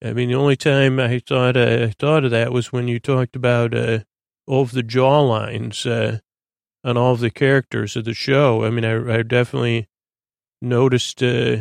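The host of a bedtime-story podcast speaks in a creaky, gravelly, mid-pitched voice, recorded close and dry with no room sound. His level tone and normal speed lull gently, while his hesitant sentences meander and trail off into tangents.

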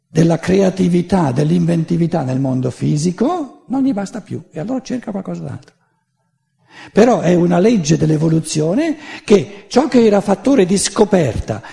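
An older man giving an animated public lecture, full of digressions and restarts. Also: on the high side, gravelly.

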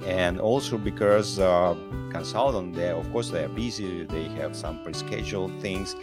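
Low-voiced man. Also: over music. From Russia. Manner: halting, with many fillers and restarts. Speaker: guest, business founder. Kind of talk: interview answers.

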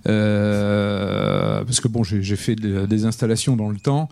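A man moderating a conference, introducing speakers and drifting into lively anecdotal asides. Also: fairly low pitch, measured pace, vocal fry.

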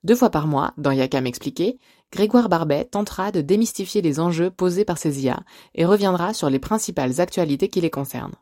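Low mellow-voiced podcast host. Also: female voice, animated, no room sound, clean studio sound. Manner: clear, measured, announcer-like delivery. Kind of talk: scripted intro and interview questions.

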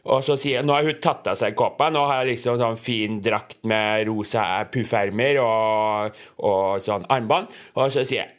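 A man's voice: on the low side, few pauses. A young adult man who hosts a podcast, casually reading a comic book aloud and rambling hesitantly as he describes each panel. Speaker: podcast host.

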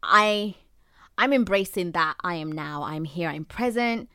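Bright-voiced young woman chatting. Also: fairly low pitch, a little slow, smooth, no echo, studio quality. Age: young adult. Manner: chatty, animated, talks over her co-host. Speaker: podcast co-host. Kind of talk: casual chat.

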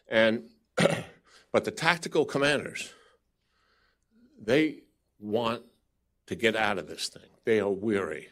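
At a press briefing, a male government official answers questions in a measured way, now and then restarting his sentences. His voice is medium-pitched and a bit bright.

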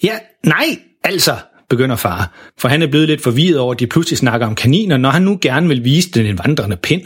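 A man narrating a children's story in a lively, expressive way. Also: mid-range voice, few pauses, husky.

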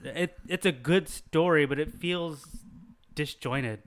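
Smooth-voiced man in casual chat. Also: fairly high pitch, slow. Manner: laughing, rambling with fillers.

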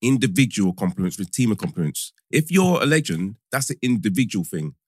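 A man's voice: fairly low pitch, very animated, fairly quick, breathy edge, no room sound, studio quality. A man co-hosting a football podcast, building his case step by step in a casual debate. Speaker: podcast co-host.

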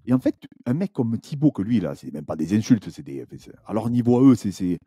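A man, a YouTuber guest on a podcast, telling stories in an animated, chatty way with many restarts. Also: on the low side, fairly quick, breathy edge, dry recording, studio quality. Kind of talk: casual podcast chat.

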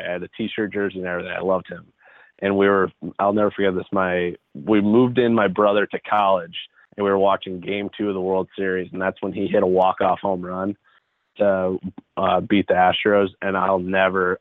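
A man in his twenties from the Chicago area, a baseball pitcher guesting on an interview, talking loosely and rambling with lots of filler "like.". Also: no room sound. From Chicago area, United States. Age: 20s. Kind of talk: casual interview chat. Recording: tinny phone-like line.

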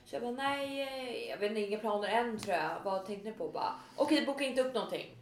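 A woman's voice: fairly high pitch, reverberant, slight background noise. A woman in casual chat, telling a story animatedly and acting out what people said. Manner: animated storyteller, acts out quotes.

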